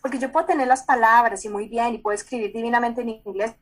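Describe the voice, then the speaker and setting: A woman psychologist from Colombia, her voice somewhat high with fairly even intonation, talks over a video call. Unhurried and conversational, she repeats herself and regularly stops to confirm she's being understood.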